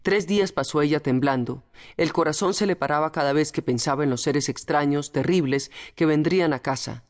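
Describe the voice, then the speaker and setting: A woman reading a novel aloud as audiobook narrator in a measured, dramatic manner. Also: deep voice, a little mellow. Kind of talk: scripted narration.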